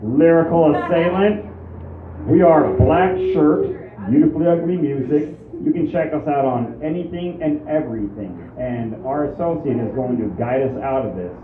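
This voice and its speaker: A man's voice: a little high, expressive, normal speed, distant mic. A man co-hosting a live show, rambling through thanks and sign-offs to the audience. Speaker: co-host and musician. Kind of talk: live closing remarks. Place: nightclub stage with live audience. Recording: echoey, muffled, off-mic club sound with crowd.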